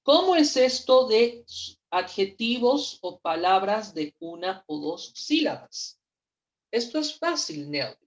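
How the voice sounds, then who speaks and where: A woman teaching English in in an online class, patient and repeating each word slowly for pronunciation. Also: mid-range voice, sing-song, lo-fi sound. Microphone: computer mic on a video call.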